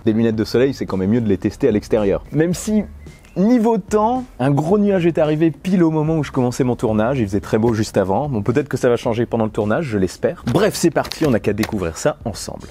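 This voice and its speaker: A man's voice: medium pitch, warm tone. French man unboxing outdoors on a lapel mic. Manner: chatty and playful, musing aloud. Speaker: tech vlogger. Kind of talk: casual unboxing vlog. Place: outdoors next to a noisy road.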